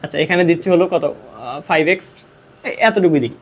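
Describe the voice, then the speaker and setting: A man's voice: fairly high pitch, animated, fairly quick, a little hiss or hum. A young man with a Bangladeshi Bengali accent teaching an online math lesson, explaining step by step and answering his own questions. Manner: mixes English math terms into Bengali speech. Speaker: math tutor.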